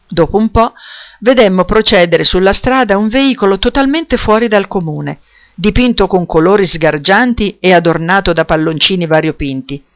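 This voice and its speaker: An audiobook reader narrating a story in a steady, measured storytelling voice. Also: medium pitch. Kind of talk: scripted narration.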